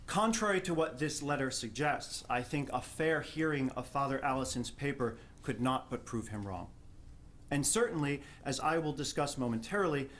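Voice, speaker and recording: A theology professor from Jersey City, New Jersey, USA, speaks with a New Jersey accent as an academic respondent at a live public event, reading an articulate, wry prepared speech to the audience. His voice is mid-range and fairly bright, with a little hiss or hum in the recording.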